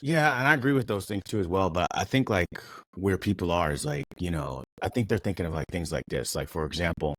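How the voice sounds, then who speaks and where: A man's voice: low voice, fairly quick, no room sound. A man talking casually on a podcast, hesitant, with many fillers and restarts. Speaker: podcast co-host.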